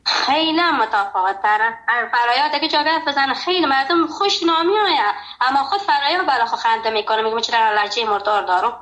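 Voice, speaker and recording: A woman's voice: high voice, expressive, fairly bright tone, low-quality recording. A woman from Farah speaking with a Farahi Dari accent, calling in to a radio show and laughing easily. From Farah, Afghanistan. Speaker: caller. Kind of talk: phone-in chat.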